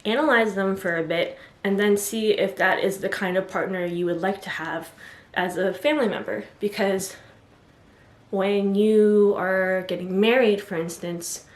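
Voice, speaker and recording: A woman's voice: medium pitch, fairly even intonation, a little slow, reverberant. A woman vlogging to camera, talking in a rambling, chatty way full of "like" and apologetic asides, a bit out of breath as she stands. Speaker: vlogger giving self-love advice. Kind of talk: casual chat to camera. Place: indoor room, standing before the camera.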